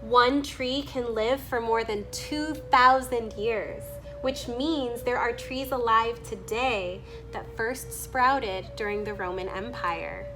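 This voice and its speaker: A woman reads a picture book out loud in a fairly high voice while music plays underneath. Her reading is punctuated by casual asides about the illustrations.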